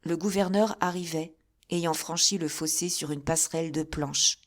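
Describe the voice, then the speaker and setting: A woman narrating a classic novel as an audiobook in a measured, deliberate way. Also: deep voice, steady tone. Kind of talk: scripted narration.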